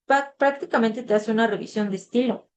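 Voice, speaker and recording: A woman's voice: a little high, brisk, darkish tone. A woman leads an online class as a tutor. She talks in a loose, conversational way and leans on fillers as she goes. Her voice comes through a video-call microphone. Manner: conversational, reads the chat aloud, filler "este".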